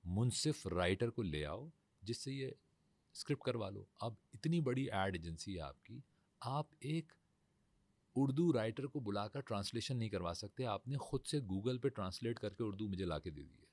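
A man's voice: lowish voice, lively intonation, a little mellow, dry recording. A man, a voice-over artist telling stories in a formal, emphatic way in a casual studio talk.

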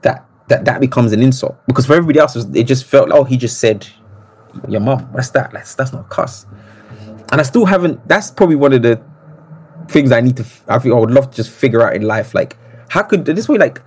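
A man, telling stories as a podcast guest in an animated, reflective way. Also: medium pitch, brisk, husky. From Congo. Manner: reflective, animated storytelling with restarts. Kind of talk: casual interview conversation.

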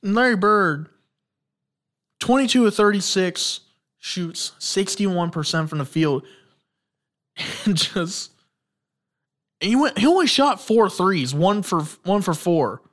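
A man's voice: high-pitched, animated, slow, pauses often, fairly bright tone. A man hosting a casual solo sports podcast. He tells stories with enthusiasm and rambles, often restarting sentences and using fillers. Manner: enthusiastic storytelling. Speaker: podcast host.

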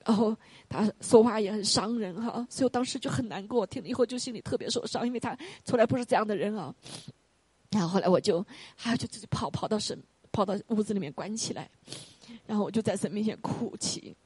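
A woman preaches an earnest, gentle, pastoral sermon in a husky, medium-pitched voice, talking fast. She repeatedly poses rhetorical questions to the congregation and often caps her points with the English word "right".

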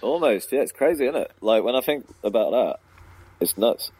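In a radio studio, a man who promotes and comperes comedy clubs chats casually, his mid-range voice animated, darkish, and slightly rough at a moderate pace. The recording is rough but has no echo, and he wanders from point to point, laughing often and saying um a lot.

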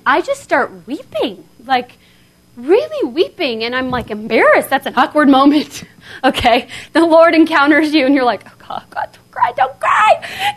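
Here a woman of about thirty-something preaches with a high voice. She addresses a seminar audience in a hall, animated and conversational, dropping in "okay?" again and again.

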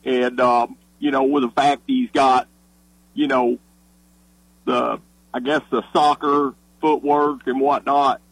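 A man's voice: mid-range voice, slow pace, husky, no echo, rough recording. A man calling in to a radio sports show, chatting casually and hesitantly with plenty of fillers. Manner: hesitant, relaxed, with many fillers. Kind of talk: casual call-in chat.

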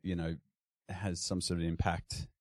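An Australian man with a very low, deep voice talks casually as an interview guest. He hesitates often, restarting his sentences. The sound is close and dry. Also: little pitch movement, a little slow, a little mellow, no room sound. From Sydney, Australia. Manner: hesitant, many restarts and fillers, frequent laughs. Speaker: podcast guest.

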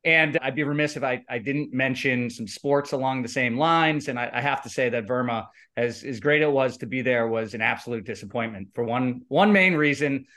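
A man's voice: medium pitch, normal speed, few pauses, fairly bright tone. A man in his forties co-hosting a podcast, talking reflectively and repeating words as he thinks aloud. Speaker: podcast co-host. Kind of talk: casual chat.

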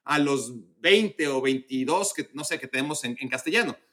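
A man's voice: medium pitch, expressive, moderate pace, a bit bright. A man co-hosting a podcast, chatting casually about football and explaining things at length with many restarts. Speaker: podcast co-host.

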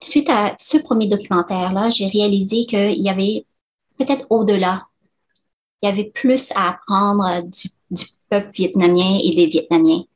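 Woman from Laos, middle-aged, hesitant interview answers, lots of fillers, mid pitch. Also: steady tone, moderate pace. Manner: hesitant, many fillers and restarts. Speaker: documentary author interviewed.

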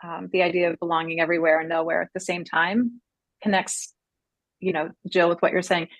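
A woman co-hosting a podcast with a low-pitched voice. She frames her questions thoughtfully and gently. The recording is dry and close. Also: fairly even intonation, brisk, dry recording. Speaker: podcast co-host. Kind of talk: conversational podcast interview.

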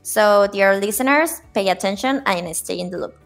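A woman hosts an interview podcast at a mid-range pitch, reading her introductions formally. Her questions come out a bit halting, with repeated words and "uh" fillers. Faint music plays beneath her voice. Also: gravelly. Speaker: podcast host. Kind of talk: scripted podcast hosting.

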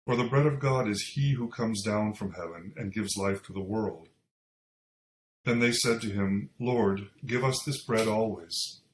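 A man reading a scripture lesson aloud and giving the responses at a church service, measured and solemn, heard in a cathedral echo. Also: lowish voice. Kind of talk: formal liturgical scripture reading. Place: large church. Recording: echoey church with faint ambience.

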